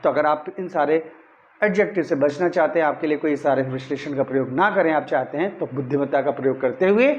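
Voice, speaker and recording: A man's voice: fairly high pitch, fast talker, dull audio, slight background noise. A man teaching English grammar in Hindi, working through each sentence step by step and repeating his questions. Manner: methodical, drills steps by number and repeats questions. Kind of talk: explaining a grammar lesson in Hindi.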